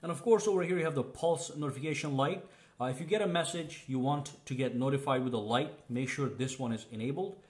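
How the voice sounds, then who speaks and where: Man, tech tutorial, casual walkthrough, chatty, mid-pitched voice. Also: a little fast. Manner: chatty, explains step by step, often says "okay?" and "boom". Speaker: tech reviewer.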